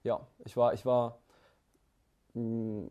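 Twenties guy, company founder, talks easy and mellow, lots of ums and restarts. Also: mid-range voice, slow pace, clean tone. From Germany. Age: 20s. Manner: relaxed, many fillers and restarts. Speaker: founder and CEO, interview guest. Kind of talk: casual interview answers.

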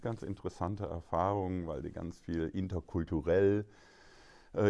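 A man's voice: sits low, mellow. A man in his fifties from Düsseldorf, a bank executive talking fluently with some filler hesitations in a podcast interview. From Germany, Düsseldorf.

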